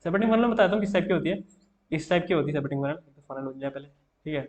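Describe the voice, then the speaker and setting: A young man with a slightly high voice teaches an exam-prep chemistry lesson. He talks casually and often checks in with his viewers as he explains at the board. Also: expressive, very fast, darkish tone. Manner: casual, repeats "theek hai" often, writing on board.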